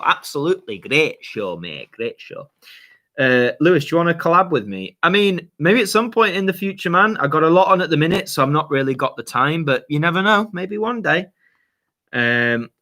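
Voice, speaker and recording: This young man hosts a YouTube channel and is chatting casually on a livestream, going through viewer questions. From Yorkshire, England, he has a fairly high, fairly bright voice that's slightly hoarse, and a laid-back, chatty style heavy on fillers and slang.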